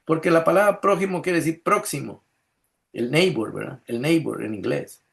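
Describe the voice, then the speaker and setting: A man's voice: fairly high pitch, moderate pace, gravelly, fairly bright tone. A man pastor, preaching a conversational sermon with frequent restarts, acted-out quotes and checks on his listeners. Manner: chuckles often, asks listeners "¿verdad?".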